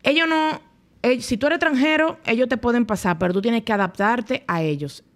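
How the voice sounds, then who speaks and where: A woman's voice: on the high side, normal speed. Blunt Dominican woman, candid chat. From Dominican Republic. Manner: blunt, colloquial, animated. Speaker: podcast guest. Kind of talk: candid conversational storytelling.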